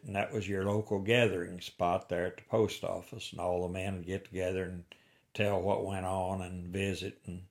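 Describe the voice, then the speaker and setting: This low-pitched interviewee is a man in his eighties from the rural Missouri Ozarks in the United States. His Ozark Appalachian-style accent carries a folksy, plain-spoken oral history reminiscence.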